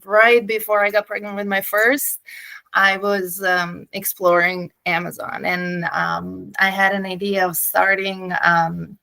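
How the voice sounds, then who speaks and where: A woman in her thirties with a Serbian accent, a guest telling her story in a casual interview, lively, laughing often and pausing on fillers. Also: medium pitch, no echo, rough recording.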